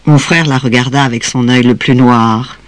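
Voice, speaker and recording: A man with a mid-range voice tells a story aloud, measured and expressive. The sound is dry and close, without any echo. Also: mid-range voice. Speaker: reader.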